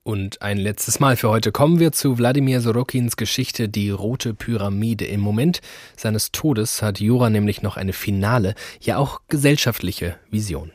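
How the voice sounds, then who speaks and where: A radio host in calm, scripted presentation. His voice is low and husky. The sound is dry and close. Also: moderate pace, no echo.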